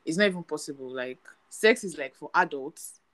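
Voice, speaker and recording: A woman's voice: low-pitched, lively intonation, normal speed, a bit bright, rough recording. A young woman co-hosting a casual podcast chat, talking in a chatty, storytelling way. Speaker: podcast co-host.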